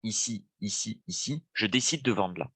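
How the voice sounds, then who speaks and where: Recorded dry, a young man's voice sits on the low side, expressive and a bit bright with a breathy edge, at normal speed. He's a French trading webinar host with a cold-stuffed nose, casually leading a live lesson and thinking aloud amid frequent fillers.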